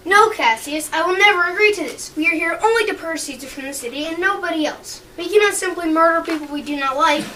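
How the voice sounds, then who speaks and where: A woman's voice: very high-pitched, quick pace, hardly any pauses, bright, forceful tone. A woman playing a principled, troubled Roman conspirator, speaking earnestly in an amateur stage performance. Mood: insistent. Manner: earnest, insistent. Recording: distant mic, noisy room.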